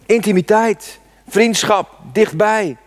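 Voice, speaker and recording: A man's voice: sits high, takes it slowly. A man in his sixties preaching a sermon, telling a personal story with fervent rhetorical questions. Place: church. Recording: long church reverb.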